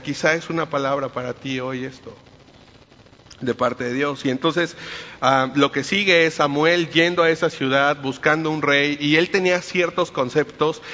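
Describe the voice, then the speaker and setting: A man's voice: a little high, fairly bright tone. A man preaching a conversational sermon, retelling scripture in everyday, storytelling speech. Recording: reverberant hall, dull lo-fi sound.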